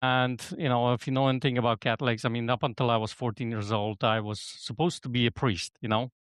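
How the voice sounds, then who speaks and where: A man's voice: mid-range voice, little pitch movement, fast, a bit bright, smooth, no room sound. Rambling middle-aged man from Poland, dry sound. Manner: rambling, leans on "you know what I mean". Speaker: podcast guest, business coach. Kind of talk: casual conversation.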